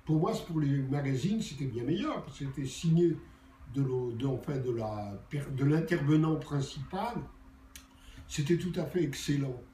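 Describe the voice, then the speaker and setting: An older journalist tells career anecdotes like a theatrical storyteller, acting out the dialogue. His voice is a little high with a dark tone at normal speed, caught by a distant mic in a roomy space with faint background noise.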